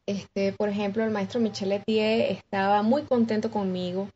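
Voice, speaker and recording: A Venezuelan woman with a Venezuelan accent, a guest musician recounting her story in an interview with lively acted-out dialogue and frequent restarts. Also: mid-range voice, normal speed, muffled recording, a little hiss or hum. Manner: expressive, acts out quoted dialogue with many restarts.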